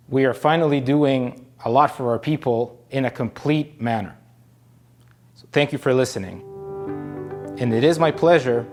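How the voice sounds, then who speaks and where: A man from Honduras speaks as a general physician in a calm, reflective video testimonial. Faint music sits behind his voice. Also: mid-range voice.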